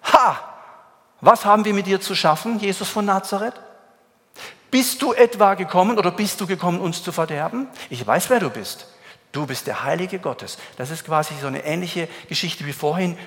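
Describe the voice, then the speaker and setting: A man's voice: on the high side, a bit bright. A man preaching a sermon in German, reading scripture aloud and speaking emphatically, rising sharply when he voices the quoted cries. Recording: long hall reverb.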